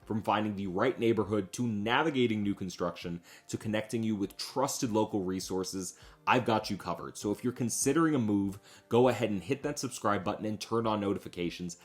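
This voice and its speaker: A man's voice: on the low side, brisk, few pauses. A man narrating a scripted promotional home tour as host, in an upbeat, polished travel-show manner. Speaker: real estate agent and home tour host.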